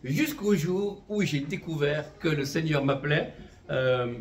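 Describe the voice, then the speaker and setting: In an unhurried way with lively intonation, a Vietnamese man in his fifties, an itinerant minister, tells his religious testimony with fervent conviction. His voice sits a little high for a man; he scatters "amen" and "voilà" about and chuckles lightly at times. Slight background noise is present.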